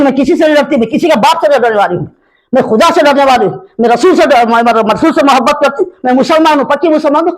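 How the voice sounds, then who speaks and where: A woman's voice: high voice, low-quality recording. An older woman with a Hyderabadi Urdu accent, tearfully making an impassioned, repetitive plea to a news reporter. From Hyderabad, India. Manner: emotional, repetitive and pleading. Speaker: complainant speaking to a news reporter. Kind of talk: impassioned pleading statement.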